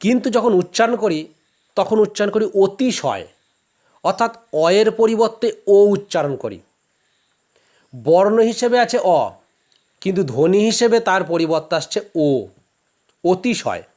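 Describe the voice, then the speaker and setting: Man, high voice, Bangladeshi Bengali accent, patient step-by-step lecture. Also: expressive, normal speed, darkish tone. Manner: patient, explains step by step with examples. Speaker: teacher. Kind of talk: classroom lecture.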